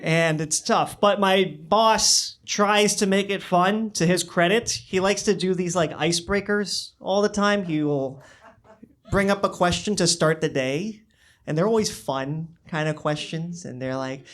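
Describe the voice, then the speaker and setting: A man doing an animated, rambling stand-up comedy set in a club. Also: high-pitched, unhurried. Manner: animated, rambling, self-interrupting.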